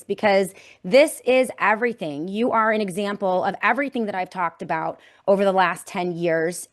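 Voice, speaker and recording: Woman, talk show host, emphatic, mid-pitched, campaigning delivery.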